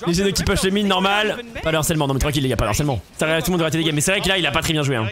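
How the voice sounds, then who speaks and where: A man co-casting an esports match on his stream, animated, swearing and shouting at plays while talking to his chat. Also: fairly high pitch, rapid-fire. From Portugal. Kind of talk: excitable casual commentary. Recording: crowd noise from match stream behind.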